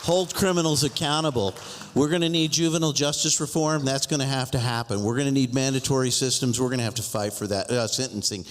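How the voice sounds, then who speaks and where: A man's voice: medium pitch, quick pace, few pauses. Emphatic American man speaking in an echoey hall. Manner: emphatic, repeats short declarative points. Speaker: mayor and political candidate. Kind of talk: campaign forum speech. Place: public forum in a hall. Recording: echoey hall with long reverb.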